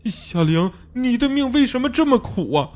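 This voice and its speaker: Male narrator doing a weeping young husband, high stammering voice, catching his breath. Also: lively intonation, normal speed, darkish tone, husky. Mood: sobbing. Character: young man, distraught new father, weeping.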